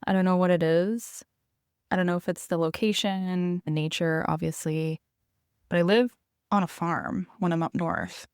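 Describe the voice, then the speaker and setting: Slow, low-voiced woman podcasting from a small trailer. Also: smooth, dry recording, clean studio sound. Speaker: podcast host. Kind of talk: casual solo podcast intro, chatty.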